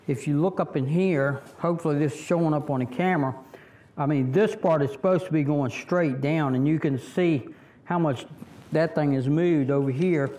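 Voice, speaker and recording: A man's voice: on the high side, dark tone. A middle-aged man from Virginia with a Southern accent, rambling in a casual how-to vlog with lots of fillers, kneeling by a tractor outdoors and picked up by a camera a few meters off. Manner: rambling, folksy, many fillers and restarts. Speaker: tractor vlogger. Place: outdoors under a fabric shelter, kneeling by a tractor.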